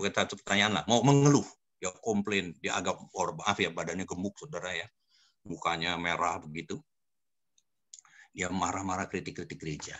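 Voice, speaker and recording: A man's voice: low-pitched, pushed and bright. An older man, a pastor, teaching a church study group and telling personal stories, often addressing listeners directly. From Indonesia. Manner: addresses listeners as "Saudara", storytelling.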